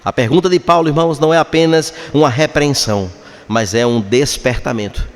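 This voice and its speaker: A man with a Brazilian Portuguese accent, preaching a sermon as a pastor, passionate and emphatic, at times rising almost to a shout. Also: mid-range voice, fairly quick. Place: church sanctuary. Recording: long hall reverb.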